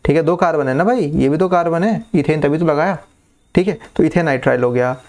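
A man explains chemistry in a relaxed, coaxing way. His voice is gravelly and sits a little high. He drags out key terms and keeps checking that his students are following. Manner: coaxing, checks understanding often; repeats key terms slowly. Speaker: chemistry teacher. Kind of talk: casual classroom explanation.

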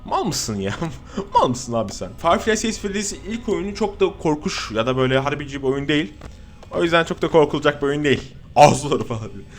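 A man giving casual, jokey horror gameplay commentary as a streamer. He gets excitable, swears often and talks straight to his viewers. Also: fairly high pitch, a little fast, faint music behind. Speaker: gaming streamer.

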